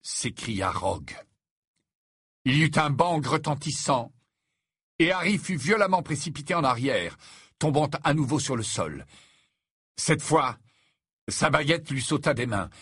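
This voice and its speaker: A man reading a fantasy novel aloud in measured, dramatic scripted narration. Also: on the high side, very animated, fairly bright tone, husky, dry recording, studio quality. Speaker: audiobook narrator.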